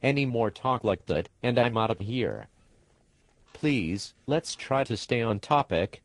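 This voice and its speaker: A man's voice: medium pitch, sing-song, unhurried. A computer-generated man's voice playing a prim talk show host who speaks formally and keeps apologizing. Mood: exasperated.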